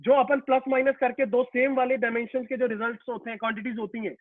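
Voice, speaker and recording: A man's voice: extremely high pitch, little pitch movement, fast, no room sound. A male physics teacher giving a live online lecture, asking questions and answering them himself, calling students "beta" and explaining with everyday examples. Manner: asks and answers his own questions, calls students "beta". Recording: tinny phone-like dry sound.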